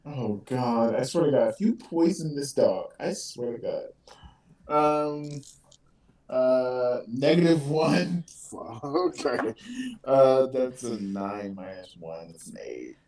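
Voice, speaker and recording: Animated man in a roomy distant sound. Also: mid-range voice, slow. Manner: suspicious, animated, joking. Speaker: player. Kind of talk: tabletop game play.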